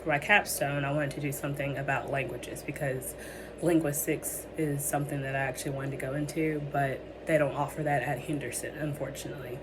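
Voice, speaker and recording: A young adult woman presents her capstone project as a student, speaking fairly quickly in a bass voice with fairly even intonation. She's losing her voice and sounds hesitant, her talk full of ums, fillers and restarts, with noisy ambience in the background.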